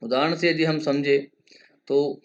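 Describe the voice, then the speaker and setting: A male lecturer teaching Sanskrit grammar in a measured, explanatory way, stretching vowels to show their lengths and chanting grammar rules slowly. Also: on the high side, fairly even intonation, lo-fi sound. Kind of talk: exam-prep grammar lesson.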